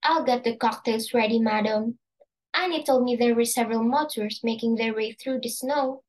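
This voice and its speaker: A woman's voice: on the high side, normal speed, darkish tone, natural voice, poor audio. A woman playing a deferential household servant in an amateur play reading, reporting in a formal, polite way.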